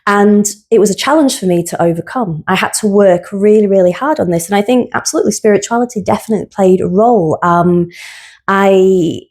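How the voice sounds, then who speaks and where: A woman's voice: mid-range voice, brisk, a little mellow. A woman psychotherapist, a guest on the show, talking candidly and reflectively about her own life. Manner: earnest, candid storytelling. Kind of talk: personal reflective conversation.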